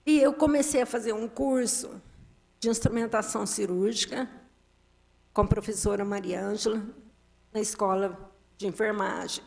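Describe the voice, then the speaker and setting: Nervous woman with a creaky voice. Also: medium pitch, fairly even intonation. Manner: nervous and halting, many fillers and restarts. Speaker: invited guest making complaints. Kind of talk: testimony at a council committee meeting. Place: council chamber.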